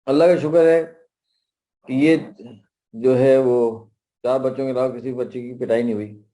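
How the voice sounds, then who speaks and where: A man's voice: mid-range voice, fairly even intonation, dark tone. A middle-aged man with a Pakistani accent leading a parenting workshop, talking in a conversational way with personal stories and frequent asides. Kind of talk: workshop lecture.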